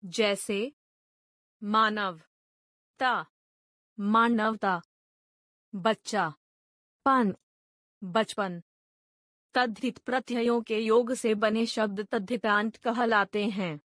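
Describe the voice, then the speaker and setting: A woman reading a grammar lesson aloud, going through word lists one item at a time in a measured, deliberate way. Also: mid-range voice, a bit bright, no room sound, studio quality. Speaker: grammar teacher.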